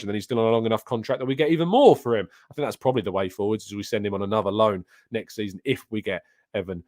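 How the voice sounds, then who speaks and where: A British man hosts a live football talk show from a soundproofed home studio, casually reading viewer comments and answering them with his own opinions. He has a lowish, darkish voice, heard close on an arm-mounted studio mic with a pop filter and no echo.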